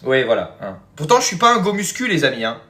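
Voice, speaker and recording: With a slightly high voice that swoops wildly in pitch, a man talks fast in a bright, forceful tone. He runs a live stream as a spiritual teacher, rambling through casual chat and viewer comments, peppering it with fillers and "hein" and calling everyone "les amis."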